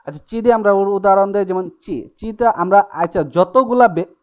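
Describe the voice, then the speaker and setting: Man, language teacher, patient step-by-step explaining, frequent check-ins with students, slightly high voice, dull lo-fi audio. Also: a little mellow, clean tone. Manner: explains slowly with many checks like "ঠিক আছে?" and "নাকি?". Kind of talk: live online class taught in Bengali.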